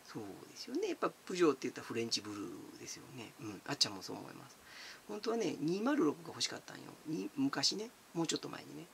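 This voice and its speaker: Giggly chatty man with a gravelly voice. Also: on the high side, big pitch swings, racing, a bit bright, a little hiss or hum. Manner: chatty and giggly, calls himself by nickname. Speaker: channel host. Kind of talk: casual chat answering viewer comments.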